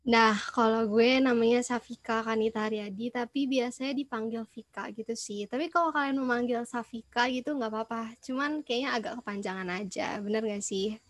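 A woman's voice: a little high, normal speed, dry recording. A teenage young woman, chatting in an informal, agreeable way as a podcast co-host. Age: teens. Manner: agreeable, informal, slang with English fillers. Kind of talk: casual podcast chat.

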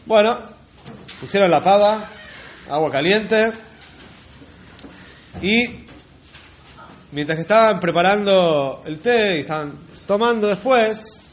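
A man's voice: sits high, lively intonation, slow pace, long pauses, a little hiss or hum. A man telling a religious folk tale unhurriedly, repeating words and turning to his listeners with asides. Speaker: storyteller.

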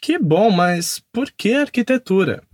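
A man's voice: high-pitched, big pitch swings, a little slow, no room sound, studio quality. A man teaching a podcast language lesson. He enunciates repeat-after-me drills carefully and follows them with upbeat praise.

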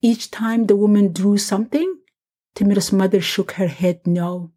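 A woman hosting her own podcast reads a scripted family story aloud. Her reading is measured and gentle. Her voice is warm and mellow, with a slightly husky, breathy edge. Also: medium pitch, fairly even intonation.

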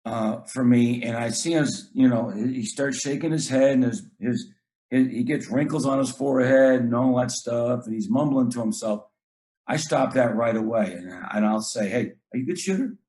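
A man's voice: mid-range voice, moderate pace, darkish tone. Earnest middle-aged male basketball coach. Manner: earnest, repeats words, acts out talks with players. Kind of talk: casual podcast chat.

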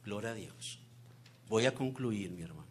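A man preaching a sermon, keeps addressing the listeners as brother, and swings between loud emphasis and soft near-whispers. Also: lowish voice, normal speed, a little hiss or hum. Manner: lively preaching with frequent "mi hermano" asides.

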